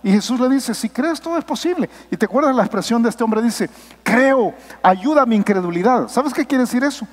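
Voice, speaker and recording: A man preaching a sermon as pastor, acting out quoted lines by dropping his pitch suddenly. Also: fast, few pauses. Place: church sanctuary. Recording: church hall reverb.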